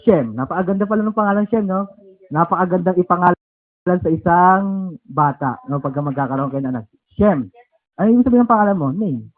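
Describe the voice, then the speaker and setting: A Filipino preacher leads a Bible lesson at a home service. He has a high voice, spells words out slowly and keeps checking in with his listeners. The sound is thin and tinny, like it comes over a phone line. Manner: keeps asking "okay?" and "di ba?".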